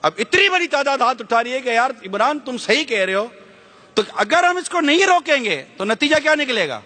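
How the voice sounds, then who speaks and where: A man's voice: extremely high pitch, big pitch swings, bright, forceful tone, big-room sound. A man preaching with passion to an audience, firing rhetorical questions at them and slipping English words into his speech. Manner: fiery rhetorical questions to the listeners. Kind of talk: impassioned sermon.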